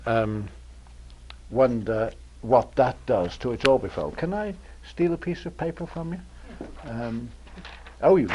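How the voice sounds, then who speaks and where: Male professor, informal lecture, lively rising-and-falling voice, halting delivery with ums, dry humor. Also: mid-range voice, a little hiss or hum. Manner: hesitant, frequent ums and uhs, dry humor. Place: lecture room with audience.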